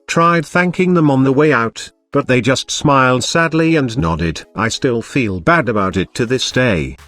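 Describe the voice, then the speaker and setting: Male narrator, mid-range voice, even unhurried comment reading, faint music bed. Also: mid-range voice, no room sound.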